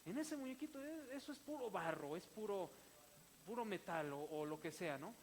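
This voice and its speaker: Animated male pastor in a reverberant church. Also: sits high, moderate pace. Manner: animated, breaks into laughter while telling stories. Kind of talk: sermon with personal storytelling. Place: church sanctuary. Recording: church hall reverb with faint hiss.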